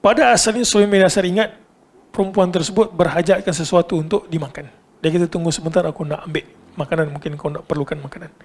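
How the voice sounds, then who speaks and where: A male religious lecturer with a Malaysian Malay accent, speaking in a slightly raised register. He tells a story with animated delivery and often pauses to put questions to his listeners. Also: a little high, breathy edge.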